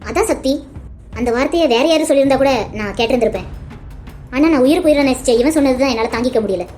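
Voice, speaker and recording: A woman's voice: high-pitched, expressive, fast, a little mellow, soft background music. A woman voicing a young wife in a cartoon, hurt and guarded in her replies. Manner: wounded, reluctant replies. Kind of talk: cartoon voice acting.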